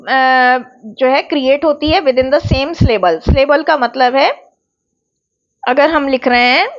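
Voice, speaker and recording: High-voiced Indian woman teacher. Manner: explains patiently, repeats key words, mixes English terms. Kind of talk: exam revision lecture. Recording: slightly dull lo-fi sound.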